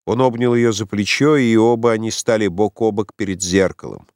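A man narrating a literary audiobook in a measured, expressive reading. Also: fairly low pitch, no room sound, clean studio sound. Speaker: audiobook reader.

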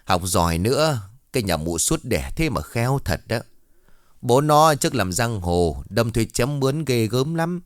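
A man's voice: medium pitch, sing-song, normal speed, dry recording, studio quality, natural voice. A man voicing a kindly, chatty older village man who worries easily. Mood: fond gossip.

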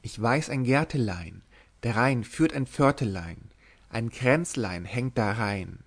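A man's voice: medium pitch, animated, slow pace, creaky, heavily acted. A man reading aloud, voicing a teasing young noblewoman disguised as a lord, who speaks in a lisping, coy whisper.

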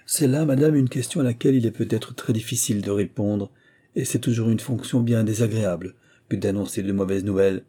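A man's voice: on the low side, brisk, dark tone, slightly rough. A man voicing a fussy, evasive village surgeon who rambles and hesitates, in an audiobook. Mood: hedging.

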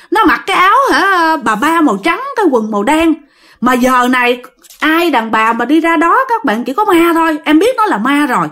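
Woman doing a panicked young man, shrill. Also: a bit bright. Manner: panicked, crying out, pleading. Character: terrified young man who saw a ghost.

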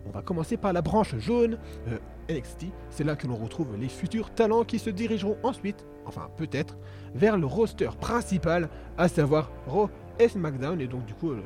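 A man's voice: a little high, dark tone. A man co-hosting a casual podcast chat, talking with many hesitations and fillers. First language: French. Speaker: podcast co-host.

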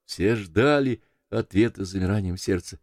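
A man's voice: lowish voice, moderate pace, a little mellow, dry recording, studio quality. Man reading an audiobook. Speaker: audiobook narrator. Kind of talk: scripted narration.

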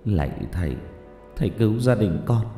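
A man's voice: fairly low pitch, expressive, moderate pace, warm tone, reverberant, long reverb tail, faint music behind, close to an everyday voice. A man voicing a desperate middle-aged father begging for help. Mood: pleading. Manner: pleading.

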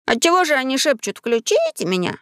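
A woman's voice: sits high, wildly swooping pitch, brisk, fairly bright tone, no room sound, clean studio sound, voice pushed up, heavily acted. A woman reading an audiobook, voicing a curious, unsure young boy in a raised voice. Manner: wondering, unsure.

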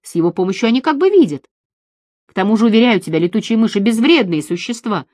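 A woman reading an audiobook, voicing a calm, patient man who reasons and lectures. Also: fairly high pitch, fast talker, dry recording, clean studio sound. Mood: lecturing.

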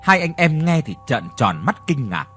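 A man's voice: on the high side, moderate pace, faint music behind. A man telling a scripted ghost story and reading every role with expression. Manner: expressive reading of all roles.

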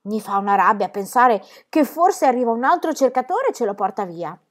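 A brash, cheerful storybook girl who boasts and exclaims, as a woman reads her out. Her voice sits high and leaps about with lively swings. She sounds fearless and pleased with herself. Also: fairly quick. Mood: bold, cheery. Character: bold cheerful girl, boastful tall-tale teller.

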